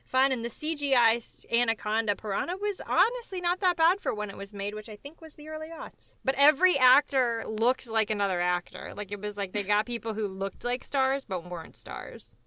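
A woman co-hosting a podcast in casual chat, giving wry and animated commentary. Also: a little high, a little fast, hardly any pauses, no room sound. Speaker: podcast co-host.

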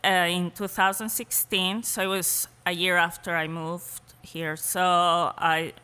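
Slow, bright-voiced Spanish-accented woman. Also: on the low side, steady tone, clean tone, in a large hall. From Spain. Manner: unhurried, thoughtful, laughs easily. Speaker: cheesemaker guest. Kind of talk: casual interview conversation.

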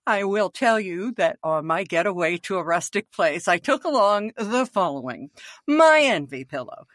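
A woman's voice: lowish voice, animated, moderate pace, no echo, studio quality. A woman co-hosting a podcast, chatting casually and laughing often as she tells stories. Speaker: podcast co-host. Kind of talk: casual chat.

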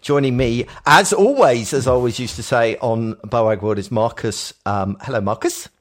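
A man's voice: mid-range voice, moderate pace. A man hosting a casual podcast, wry and self-deprecating. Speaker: podcast host. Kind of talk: casual chat.

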